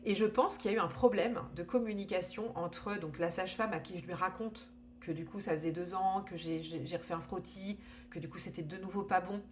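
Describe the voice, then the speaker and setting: A woman talks through a personal account in a candid, unpolished way, with many restarts and small fillers. Her voice sits on the lower side. A faint hum runs under the recording. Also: a little fast. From France. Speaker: storyteller sharing her cancer experience. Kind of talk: casual personal testimony.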